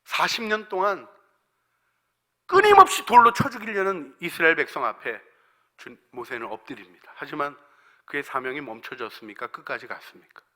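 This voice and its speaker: A man preaching a sermon as pastor, swinging from hushed near-whispers to fervent shouting and putting questions to the congregation. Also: on the high side, lively intonation, normal speed. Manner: asks the congregation questions and answers them; acts out quoted voices within the sermon.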